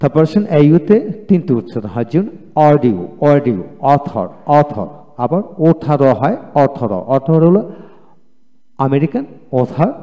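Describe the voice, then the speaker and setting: A man teaching English pronunciation in a video lecture, saying each word twice and explaining it calmly. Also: medium pitch, in a large hall, highs cut off. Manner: drills each word by repeating it, calm explanatory tone.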